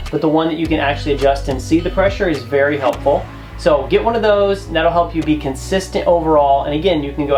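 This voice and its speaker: A man co-hosting a travel vlog, giving tips in a chatty, joking, emphatic way. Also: a little high. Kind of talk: casual how-to chat.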